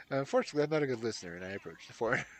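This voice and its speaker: A man streaming a story game, reading it aloud and commenting with chuckles. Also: medium pitch. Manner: lively, chuckling asides.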